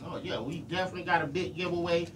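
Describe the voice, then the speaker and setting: Broadcasting live from a small studio, a middle-aged host chats casually and earnestly, sends shout-outs, and goes over the same points again. He speaks quickly in a steady, higher voice. The sound is noisy, picked up by a far-off room microphone.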